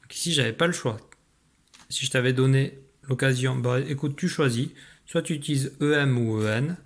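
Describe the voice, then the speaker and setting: A male teacher leads a spelling dictation at a calm middle pitch. He is patient and clear and stretches out each sound for the listener. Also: normal speed. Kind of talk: recorded spelling dictation lesson.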